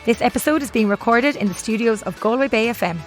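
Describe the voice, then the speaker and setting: Higher-pitched Irish woman hosting a podcast. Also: quick pace, soft background music. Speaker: podcast host. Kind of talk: scripted introduction and interviewing.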